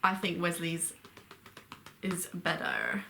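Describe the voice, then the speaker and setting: A woman's voice: lowish voice, huge pitch swings, slow, creaky, bright, forceful tone, a little hiss or hum. A British woman hosting a reaction channel, chatting casually and rambling with lots of fillers and restarts. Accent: British English. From Britain. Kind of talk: casual chat.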